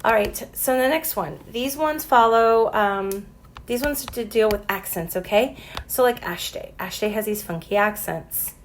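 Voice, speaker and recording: A woman teacher talks through a recorded French lesson, spelling out letters one by one and slowing down for example sentences. Her voice sits at a medium pitch. There is a faint noise in the recording. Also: rough recording.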